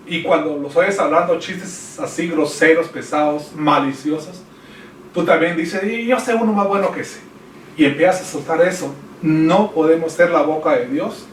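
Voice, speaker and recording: A man's voice: fairly high pitch, a little hiss or hum. A man preaching a sermon earnestly, addressing his listeners as brothers. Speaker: pastor. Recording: echoey room heard from a distance.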